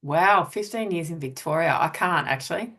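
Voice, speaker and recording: A woman host interviewing a guest in a casual chat, friendly and quick to affirm. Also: on the low side, fairly bright tone.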